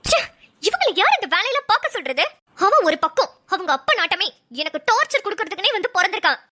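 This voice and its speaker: Cartoon role: stressed young mom, voiced by a woman, very high, bright and exasperated. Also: very animated, quick pace, full character voice. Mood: irritated. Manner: exasperated, scolding complaints. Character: young mother, harried and quick to irritation. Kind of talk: cartoon voice acting.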